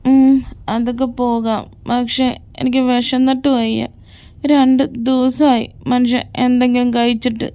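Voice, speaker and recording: A woman doing a whiny young man, begging and cheeky, fan audio drama, higher voice, mellow tone. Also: flat delivery, unhurried. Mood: pleading. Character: cheeky, pleading young man, the best friend.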